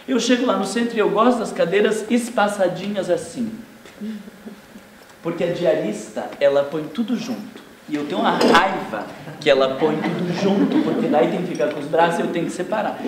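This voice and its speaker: A man with a Brazilian accent giving a lively seminar talk as a spiritist lecturer, acting out everyday scenes. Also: high voice. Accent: Brazilian Portuguese. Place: indoor seminar room. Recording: very echoey room from far off, faint noise.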